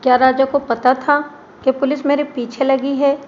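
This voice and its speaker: Bitter young fugitive man read by a woman, weary delivery, high voice. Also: level tone, moderate pace, muffled recording, slight background noise, lightly acted. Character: wounded, bitter young male engineer on the run.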